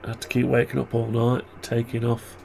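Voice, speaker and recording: A man's voice: mid-range voice, completely flat delivery, normal speed, creaky, darkish tone, slight background noise. A man with a muffled, blocked-nose voice, tired and stuffed up with flu, rambling as he thinks aloud through a casual hobby tutorial. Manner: rambling, muttering to himself. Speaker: hobbyist presenter.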